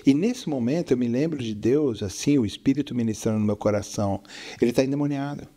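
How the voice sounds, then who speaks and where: A man's voice: medium pitch, fairly quick, mellow. A middle-aged man, the father co-hosting, telling a story casually and often checking that his listener follows. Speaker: co-host, father. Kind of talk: casual storytelling chat on faith.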